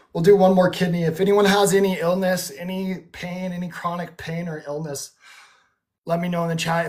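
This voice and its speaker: A man's voice: high-pitched, darkish tone. A man talking loosely to his chat on a livestream through a headset mic, rambling with lots of "like" and restarts while leading breathwork. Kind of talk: casual livestream talk to a chat.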